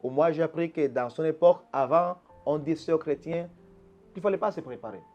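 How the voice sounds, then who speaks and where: In Quebec, a pastor with a fairly high, slightly fast voice gives earnest, preaching-style interview answers in an emphatic teaching tone, often restarting and repeating a word before pushing on. Faint music plays beneath, and the audio sounds dull.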